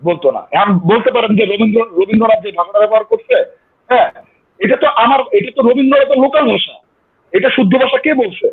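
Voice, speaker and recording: A man with an Old Dhaka Bengali accent argues his point in a heated panel debate, pushing through interruptions. His voice sits high and husky and comes fast. It arrives over a tinny, phone-like line. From Bangladesh. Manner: insistent, talks over interruptions, stammering restarts. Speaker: guest.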